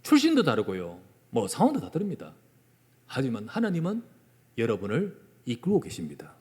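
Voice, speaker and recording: A male pastor with a Gyeongsang Korean accent preaching a sermon in a church, moving between loud emphasis and hushed whispers. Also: medium pitch, wildly swooping pitch, normal speed. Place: church sanctuary. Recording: long church hall reverb.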